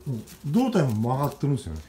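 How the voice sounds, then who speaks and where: Man with a lively voice coaxing a pigeon. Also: medium pitch, racing, a little hiss or hum. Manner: rough casual speech, coaxing and scolding the bird. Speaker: pigeon keeper. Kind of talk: casual talk to camera and to a pet bird.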